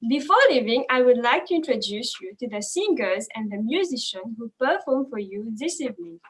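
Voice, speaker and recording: A woman speaks as a music group's announcer. Her voice is fairly high, and she delivers formal introductions and thanks. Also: lively intonation, moderate pace, poor audio.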